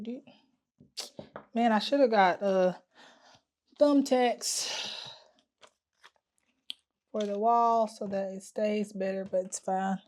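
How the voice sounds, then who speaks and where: A woman's voice: medium pitch, a little mellow. A woman vlogging casually as she plans her travel business marketing, thinking aloud with lots of fillers and restarts. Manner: hums to herself while working at the wall. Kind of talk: casual talking-to-camera planning vlog.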